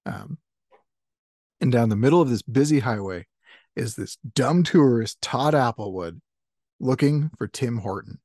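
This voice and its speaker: Slow-talking man improvising a comic story. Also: mid-range voice, animated, a little mellow, no echo, studio quality. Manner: laughs often, rambling with fillers.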